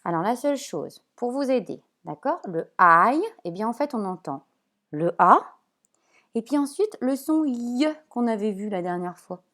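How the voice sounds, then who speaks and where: A woman teacher explaining spelling sounds at a whiteboard, slow and patient, checking often that her pupils follow. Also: a little high, animated, fairly bright tone. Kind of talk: remote classroom lesson at a whiteboard.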